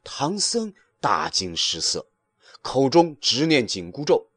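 A man telling a classic tale in an expressive, dramatic way. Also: mid-range voice, slow, slightly rough, dry recording. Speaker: storyteller. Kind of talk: storybook narration.

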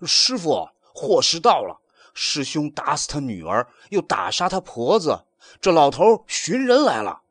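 A man voicing a meddling male pig disciple who tattles in a loud, raised voice. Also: a little high, huge pitch swings, a little slow, dry recording, pitched above the performer's own voice, full character voice. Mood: tattling.

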